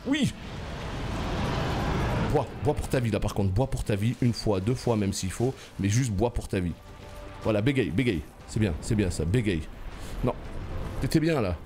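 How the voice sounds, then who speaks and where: A man giving live gameplay commentary, shouting, pleading and joking sarcastically at the boss he fights. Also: lowish voice, normal speed, long pauses. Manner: excitable, yells and pleads at the boss; teasing, sarcastic banter. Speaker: gaming YouTuber.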